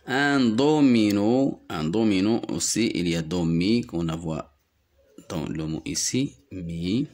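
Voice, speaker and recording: A man from Morocco with a Moroccan accent, teaching young children to read and repeating each word slowly, syllable by syllable. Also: deep voice, expressive, darkish tone. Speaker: primary school teacher. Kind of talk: slow, deliberate reading lesson for young children.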